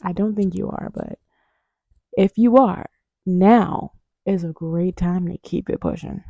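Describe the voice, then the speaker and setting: A young woman vlogs with a gravelly, mellow voice that sounds dry and close. Her storytelling is frank and profane. She breaks into sudden loud bursts, then drops to near-whispered asides. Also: lowish voice, measured pace, no echo, highs cut off. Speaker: vlogger. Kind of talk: candid casual storytelling.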